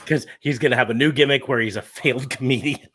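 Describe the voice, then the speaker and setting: A podcast host bantering casually about wrestling fantasy booking jokes and thinks aloud, hesitating along the way. He has a mid-range, slightly bright voice with a breathy edge, and he talks quickly.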